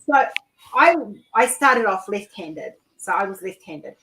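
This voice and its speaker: This livestream host is a woman with a mid-range, very animated voice that sounds pushed and bright, though her pace stays measured. Over a video call she tells stories in a loose, chatty, rambling way, often saying "like" and restarting, on a rough recording.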